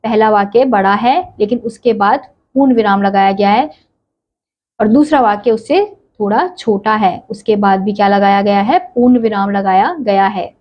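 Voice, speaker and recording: A woman's voice: mid-range voice, moderate pace, dull audio. A woman teacher giving a classroom lesson, patiently explaining step by step and asking questions she then answers herself.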